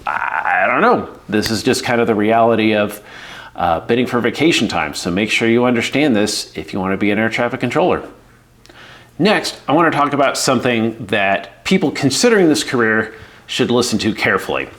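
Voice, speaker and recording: With a fairly quick, lively delivery, a middle-aged American air traffic controller gives candid career advice in a casual explainer video. The voice is mid-range and fairly bright. His style is chatty, with frequent fillers and acted-out quotes.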